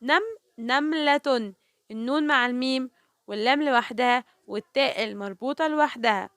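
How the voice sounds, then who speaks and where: A woman with an Egyptian Arabic accent teaching a children's reading lesson. She asks questions and answers them herself, and stretches example words out slowly, syllable by syllable. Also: fairly high pitch, fairly bright tone, smooth, dry recording, clean studio sound.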